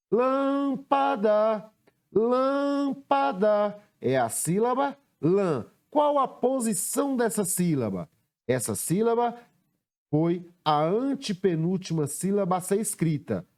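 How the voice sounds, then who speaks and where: A male teacher with a Brazilian Portuguese accent giving a recorded lesson, slowly sounding out words and stressing syllables. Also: high voice, darkish tone.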